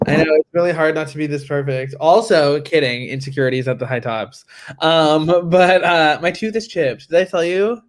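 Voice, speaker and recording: A man co-hosting a casual podcast chat, joking and teasing in an animated way. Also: on the high side, moderate pace. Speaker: podcast co-host.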